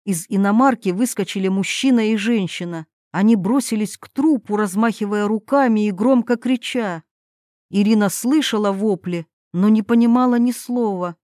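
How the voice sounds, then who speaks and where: An audiobook narrator, a woman, reads a novel as scripted narration in a steady, measured storytelling voice. Her voice is mid-range, and the recording is dry with clean studio sound.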